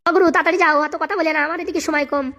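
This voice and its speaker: A woman voices a frantic cartoon sidekick man who begs and whines nonstop. The voice sits high for a man and races along. Every line pleads for mercy. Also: steady tone, racing, pushed and bright, lo-fi sound, heavily acted. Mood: pleading. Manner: pleading, whiny. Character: panicked male assistant, hung up as punishment. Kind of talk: comic cartoon dub.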